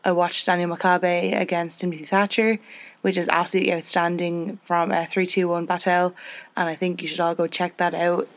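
A woman's voice: fairly quick, dry recording. Woman, young adult, podcast host, casual chat, chatty, dry close sound. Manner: chatty, self-deprecating, jumps in pitch when excited.

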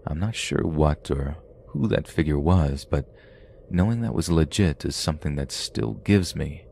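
A man hosting a podcast, reading paranormal stories aloud in a steady, measured storytelling manner. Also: extremely low pitch, gravelly, a little hiss or hum. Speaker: podcast host.

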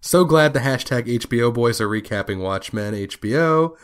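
A man's voice: mid-range voice, animated, normal speed, smooth. A man with a head cold hosting a podcast, chatting casually and reading out listener messages. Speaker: podcast host.

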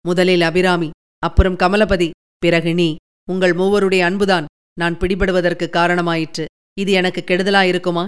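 A gentle, resigned young outlaw on his deathbed, speaking faintly and tenderly, voiced by a woman reader. The voice sits lower than her own, smooth and resonant. It is a storybook reading. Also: flat delivery, moderate pace, close to an everyday voice.

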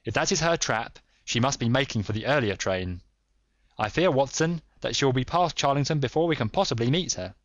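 An intense male detective as a narrator puts him on, speaking in a raised pitch. He is brisk, impatient and commanding, with clear, exclamatory phrases suited to a classic mystery audiobook. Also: animated, no echo, natural voice. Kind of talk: dramatised audiobook character.

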